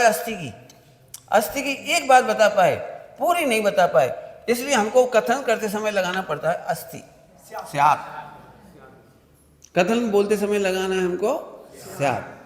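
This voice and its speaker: In a hall with a long, echoing reverb, a religious teacher with a high voice and big pitch swings runs a workshop like a class. He explains things slowly through everyday examples and repeatedly asks whether everyone got it.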